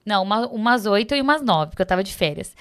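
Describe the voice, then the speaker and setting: A woman's voice: mid-range voice, expressive, fairly bright tone. A woman with a Brazilian Portuguese accent, a guest makeup artist telling stories in casual, chatty talk. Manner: rapid, chatty storytelling. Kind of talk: casual chat.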